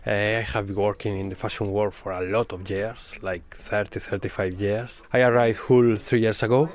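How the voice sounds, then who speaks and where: A man's voice: on the low side, fairly even intonation, normal speed. A middle-aged or older man with a Spanish accent, explaining his craft in careful non-native English. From Spain. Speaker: bespoke tailoring undercutter. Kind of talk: explanatory interview answers.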